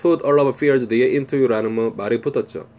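A middle-aged man teaching English through a pop song, slowly reading lyric lines and explaining the grammar. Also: mid-range voice, a little mellow.

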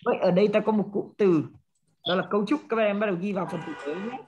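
A woman's voice: medium pitch, quick pace, a little mellow, highs cut off, slight background noise. A woman with a Vietnamese accent teaching an English lesson, explaining step by step and often checking with her students. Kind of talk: classroom lesson.

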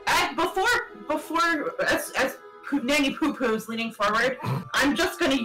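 A woman's voice: sits high, moderate pace, sharp tone, soft background music, poor audio. A woman playing a tabletop game, describing her moves casually and hesitantly as she thinks aloud. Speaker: player.

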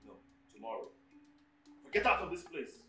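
A man's voice: on the high side, sing-song, normal speed. An actor playing a stern, scornful boss with a Nigerian accent who scolds his servant. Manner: scolding, cold. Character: stern wealthy male boss, harsh and scornful. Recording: echoey room from a distance, loud music.

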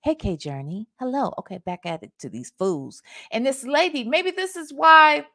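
At a moderate pace and a high pitch, a Southern-accented woman in her forties from Ohio offers casual commentary on a played call for a reaction video. She's in a small room at home with a webcam and desk microphone, sounding animated, sassy, and emphatic.

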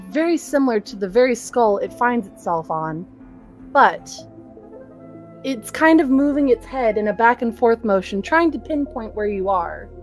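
A young woman running a tabletop game as game master, describing scenes in an unhurried, conversational way. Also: a little high. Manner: descriptive, unhurried, with laughs and fillers.

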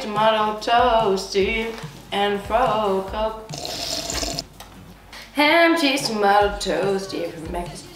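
A woman in her twenties, hungover, chatting casually and playfully in slang with bursts of exclamation while she eats on camera. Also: medium pitch. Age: 20s. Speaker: singer-songwriter discussing own song. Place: indoor studio set with backdrop. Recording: echoey room, music behind.

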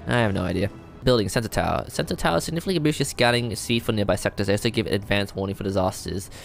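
Man, let's-play commentary, thinks aloud, excitable bursts, rough fry, soft game music underneath. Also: fairly low pitch, fast. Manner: thinks aloud, self-deprecating, excitable outbursts. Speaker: gamer playing a strategy game. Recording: faint game music behind.

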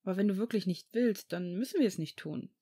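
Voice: mid-range voice, quick pace, mellow, husky, lightly acted. A reader voicing an eager, bold teenage boy wizard in a fan audiobook, urging his friend on.

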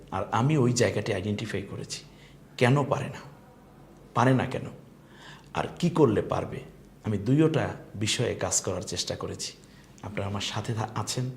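A man's voice: on the low side, slight background noise. A man teaching an online Quran lesson, patient and encouraging, drawing out Arabic letter sounds for students to repeat. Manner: encouraging, addresses students politely.

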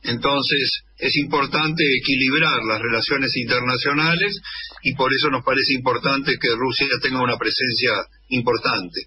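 A man's voice: mid-range voice, steady tone, moderate pace, noisy background. A man hosting a radio show, giving opinionated closing remarks. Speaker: radio host. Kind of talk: radio interview.

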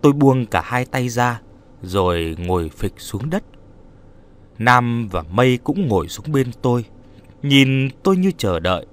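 Male storyteller, ghost story narration, animated and expressive delivery. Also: medium pitch, measured pace. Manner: dramatic, expressive.

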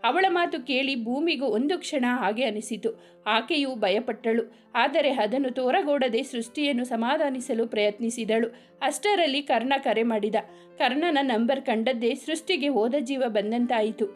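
A woman narrating a serialized family and romance story in a steady, expressive reading. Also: fairly high pitch, unhurried, soft background music.

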